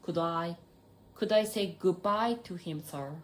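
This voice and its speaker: Soft-hearted half-giant man, halting sobs, Japanese accent, unhurried, a woman doing the voice. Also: lowish voice, lightly acted. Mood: sobbing.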